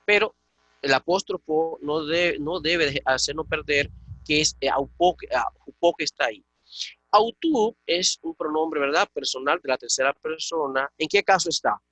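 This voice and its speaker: Bright-voiced man teaching Greek grammar. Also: fairly high pitch, moderate pace, no room sound. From Dominican Republic. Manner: explains patiently, checks with students. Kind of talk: online class lecture.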